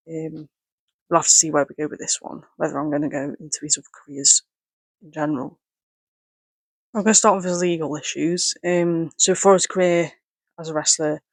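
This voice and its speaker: Man, inside a rubber mask, monotone, slightly high pitch, hot and struggling for breath, halting read-aloud delivery, casual asides. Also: dry recording. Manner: halting, stumbling reading with self-corrections. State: hot, finding it hard to breathe. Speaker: presenter.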